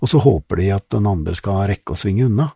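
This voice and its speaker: A man voicing a thoughtful, lanky young boy in an audiobook, who speaks slowly and deliberately. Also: on the low side, animated, vocal fry, warm tone, husky, no room sound, clean studio sound, exaggerated voice. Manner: slow, deliberate. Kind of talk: audiobook character voice.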